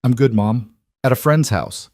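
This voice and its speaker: A man's voice: mid-range voice, a little slow, darkish tone, no room sound, clean studio sound, pitched above the performer's own voice, lightly acted. A man voicing a guarded, weary single father in a storybook reading. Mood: reserved.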